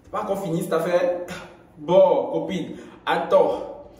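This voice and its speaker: A young man chatting casually in a gossip vlog, playful and laughing often, recorded on a phone in his bathroom at home. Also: unhurried. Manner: playful, laughing often, animated swings in pitch. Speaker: gossip YouTuber. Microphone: camera or phone while doing skincare. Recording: very echoey room.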